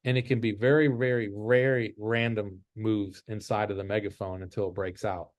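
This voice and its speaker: A trading instructor with a fairly low voice gives a casual chart lesson in a flat delivery at normal speed. He explains each step and repeats his rules, and the recording has no echo.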